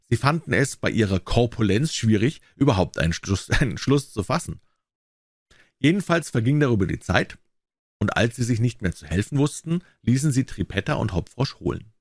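A man's voice: on the low side, no echo, studio quality. A man reading a classic short story aloud, telling it expressively. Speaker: reader.

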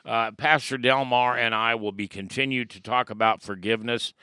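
A talk radio host with a bright, forceful voice at an ordinary man's pitch. He speaks candidly and casually, poking fun at his old self. The sound is close and dry with no room. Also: steady tone, normal speed, clean tone, dry recording. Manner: candid, self-deprecating, conversational.

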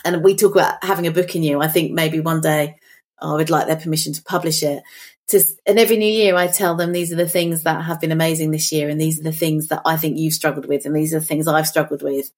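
A woman's voice: sits low, steady tone, quick pace, a little mellow. A middle-aged woman, chatting on a podcast and telling stories while thinking aloud. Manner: reflective, storytelling, thinks aloud. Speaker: podcast co-host. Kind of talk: casual chat.

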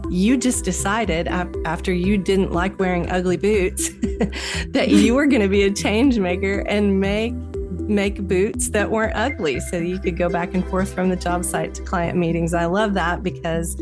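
A woman's voice: mid-range voice, fairly even intonation, moderate pace, over music. A woman in her fifties co-hosting an interview podcast, enthusiastic and effusive. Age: 50s. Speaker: podcast co-host.

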